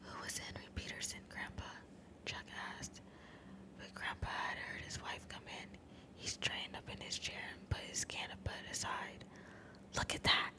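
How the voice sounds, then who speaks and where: A young woman streamer doing whispered ASMR reading, casually chatting with her viewers between passages. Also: moderate pace.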